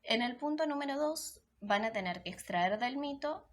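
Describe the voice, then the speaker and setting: A woman secondary school teacher giving a recorded class explanation, patient and step by step, often pausing to check her students follow. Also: high voice, animated.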